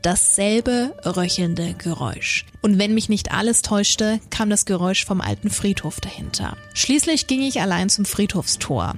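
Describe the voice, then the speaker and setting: Woman reading a creepy tale. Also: medium pitch. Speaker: podcast co-host. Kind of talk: dramatic first-person story narration.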